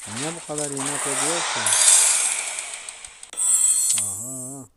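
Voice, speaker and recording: A man's voice: mid-range voice, takes it slowly. A man hosting a gaming channel, giving casual commentary, grumbling and pleading with the game in exasperation. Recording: loud background noise.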